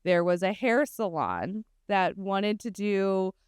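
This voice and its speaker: A middle-aged woman co-hosting a casual chat podcast, telling stories with quoted exchanges, her voice slightly hoarse from laryngitis. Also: medium pitch, slow, no echo, clean studio sound. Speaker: podcast co-host.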